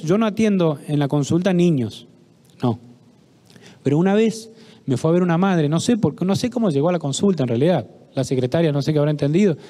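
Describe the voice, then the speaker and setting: A middle-aged man with an Argentine Spanish accent addresses a parish audience. His voice sits a little high yet sounds dark and mellow. He tells anecdotes, acts out the people in them and turns to the listeners with questions. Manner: storytelling, acts out dialogue, asks audience questions. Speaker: psychologist giving a parish talk. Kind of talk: conference talk with anecdotes. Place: parish hall.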